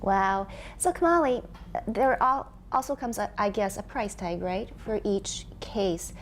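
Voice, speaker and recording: A woman's voice: medium pitch, a little slow, slight background noise. A woman hosting a TV studio interview, asking encouraging questions. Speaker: TV host.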